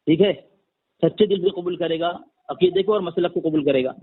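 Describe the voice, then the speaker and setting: A man's voice: high voice, breathy edge. A man on a phone call firmly laying out numbered conditions for a religious debate. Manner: insistent, lists numbered conditions formally. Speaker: debater setting terms. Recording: tinny phone line.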